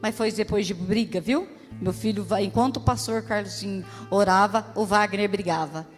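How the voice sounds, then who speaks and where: A woman's voice: medium pitch, moderate pace. A Brazilian woman missionary giving an emotional, emphatic church testimony, speaking straight to the congregation. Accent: Brazilian Portuguese. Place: church hall. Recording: echoey church hall with soft music.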